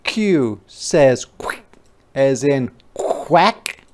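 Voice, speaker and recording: A teacher reading to young children in phonics class draws out words in a medium-pitched voice. Letter sounds and words get exaggeratedly careful enunciation, joined by playful, expressive asides.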